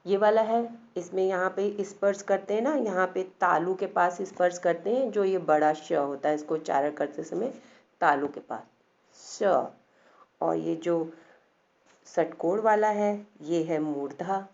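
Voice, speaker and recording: A woman's voice: fairly low pitch, measured pace, vocal fry, a little mellow. A woman teacher giving a patient classroom lesson, sounding out letters one at a time and repeating key points. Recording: dull lo-fi classroom recording.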